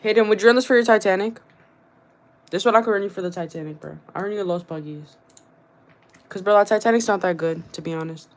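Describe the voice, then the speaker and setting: Talking fast but pausing often, this young streamer keeps a medium pitch as he chats with viewers about trading in a game. The livestream talk is casual and full of bro slang, with the same short phrases repeated over and over.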